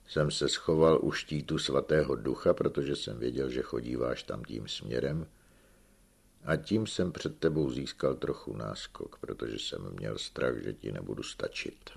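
A shrewd old peasant uncle in an audiobook, gruff and teasing as he scolds his nephew, with a man reading him. The voice sits very deep and gravelly, with a husky grain. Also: exaggerated voice. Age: older.

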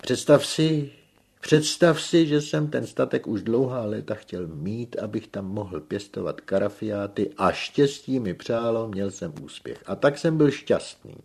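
A man voicing a desperate, lovesick young peasant who pleads loudly and tearfully. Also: lowish voice, gravelly, husky. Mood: desperate pleading.

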